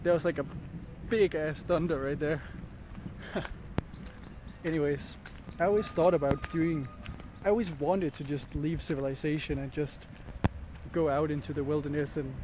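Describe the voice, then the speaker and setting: Slightly ill with an ear infection, a male vlogger rambles casually to the camera while walking through a jungle in light rain, musing aloud and frequently groping for words. His voice is a little high. Outdoor ambient noise is captured, and faint outdoor ambience lingers behind him.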